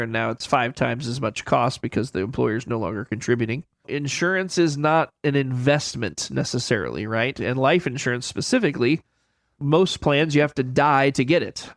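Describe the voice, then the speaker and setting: A man's voice: mid-range voice, no room sound, clean studio sound. A man giving financial advice on a radio show, plain-spoken and folksy, repeating his key points. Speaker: financial advisor guest. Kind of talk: conversational expert explanation.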